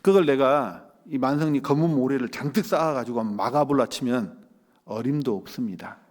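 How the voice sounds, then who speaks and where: Lively male preacher in a reverberant church. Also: mid-range voice. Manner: lively preaching with rhetorical questions to the congregation. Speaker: pastor. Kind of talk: sermon. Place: church sanctuary.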